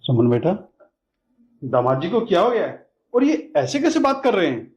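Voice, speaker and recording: An actor playing a gentle, humble father-in-law who pleads softly and politely, recorded with dull lo-fi sound. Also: high-pitched, sing-song, normal speed. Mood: pleading.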